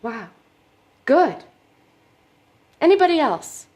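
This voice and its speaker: A woman's voice: sits high, very animated, a little slow. An actress playing an inexperienced woman therapist leading a support group, with earnest, probing questions. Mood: encouraging.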